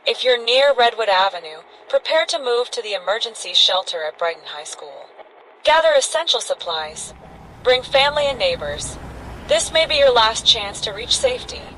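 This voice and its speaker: A woman's voice: on the high side, big pitch swings, normal speed, fairly bright tone, a little hiss or hum, rough recording. An actress playing a grave, authoritative woman urgently warning survivors in a post-apocalyptic radio broadcast. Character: commanding female captain or scientist warning survivors by radio.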